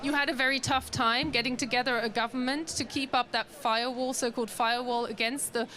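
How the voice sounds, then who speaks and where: A woman interviewing for a news broadcast, asking crisp, probing questions. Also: on the high side, steady tone, fairly quick, sharp tone.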